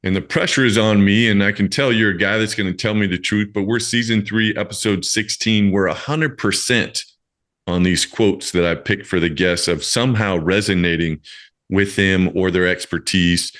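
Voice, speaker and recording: Hosting a podcast at a moderate pace, the man has a fairly low, fairly bright voice with fairly even intonation. He is effusive and encouraging, alternating between a scripted introduction and casual chat while addressing listeners directly.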